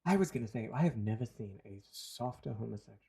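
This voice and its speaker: A man's voice: medium pitch, animated, quick pace, creaky, dark tone, slight background noise. A man from New Zealand with a New Zealand accent, co-hosting a casual podcast and jumping between topics with swearing. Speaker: podcast co-host. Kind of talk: casual chat.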